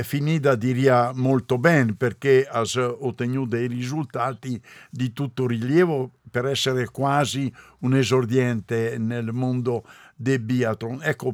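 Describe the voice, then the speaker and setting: A man with a Trentino accent from northern Italy hosts a radio interview. He speaks informally in dialect, at a middling pitch, in a very dry acoustic. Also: no echo. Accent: northern Italian, Trentino.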